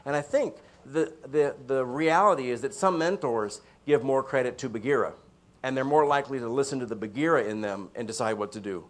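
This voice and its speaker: A man's voice: medium pitch, a little fast. A man presenting a mentoring workshop, talking conversationally to a live audience and often checking in with "right?".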